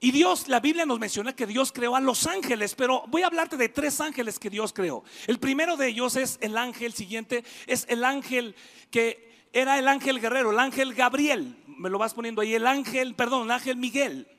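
Animated high-voiced male preacher, echoing hall. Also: normal speed. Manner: animated, jokes and asides, shouting for emphasis. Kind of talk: lively sermon to a youth congregation. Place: church hall. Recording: long echoing hall reverb.

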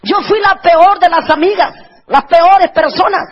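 A woman's voice: very high voice, unhurried. A woman preacher giving an emotional testimony sermon, telling her story with passionate outbursts. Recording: dull lo-fi recording.

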